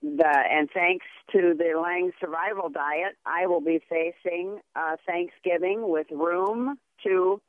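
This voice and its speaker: A woman's voice: lowish voice, slow pace, hardly any pauses, no echo. An older woman calling in to a radio show, chatty and effusive, on a clipped phone line that keeps breaking up. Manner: chatty, effusive, warmly praising. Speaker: radio call-in caller. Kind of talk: casual call-in chat. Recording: tinny phone line cutting in and out.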